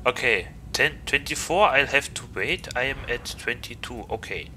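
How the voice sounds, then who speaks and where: A man's voice: mid-range voice, expressive, moderate pace, pushed and bright, a little hiss or hum. A man with a German accent streaming a game, chatting playfully and getting flustered easily. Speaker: VTuber streamer. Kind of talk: casual gaming stream chat.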